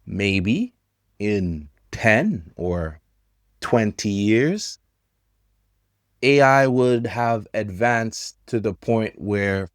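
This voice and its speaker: A man in his thirties teaching English to learners, talking about technology in slow, simple sentences with pauses. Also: on the low side, dry recording, studio quality. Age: 30s.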